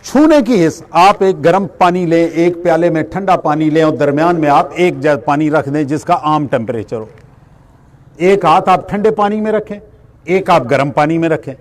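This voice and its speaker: A middle-aged man delivers a spiritual lecture in a high-pitched voice. He works through everyday examples and poses questions that he then answers himself. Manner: explains with everyday examples, asks and answers his own questions. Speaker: religious speaker.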